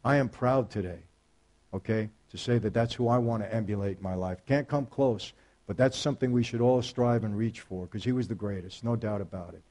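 A man giving a faith testimony, storytelling emphatically and speaking straight to his audience, swinging between hushed and loud. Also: on the low side, fairly quick. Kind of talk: personal testimony talk.

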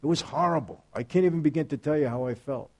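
A man giving a faith testimony, storytelling emphatically and speaking straight to his audience, swinging between hushed and loud. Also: a little high, fast. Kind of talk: personal testimony talk.

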